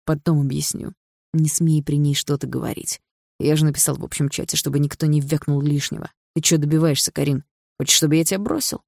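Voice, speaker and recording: A woman voicing a cold, domineering young man who speaks in a cool, curt, low-key way in an audiobook. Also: fairly even intonation, fairly quick, vocal fry, a little mellow, no echo, studio quality.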